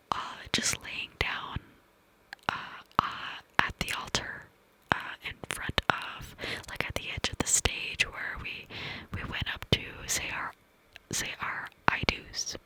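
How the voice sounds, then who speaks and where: A woman's voice: pushed and bright, low-quality recording. Woman whispering into cupped hands, ASMR. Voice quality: breathy, unvoiced cupped whisper. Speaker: ASMR video creator.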